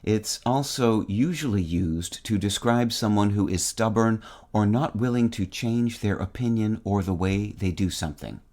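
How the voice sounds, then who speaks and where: A man hosting a short vocabulary segment, reading a script in a measured, wry and precise way and spelling words out letter by letter. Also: fairly low pitch, a little mellow. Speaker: word-of-the-day host.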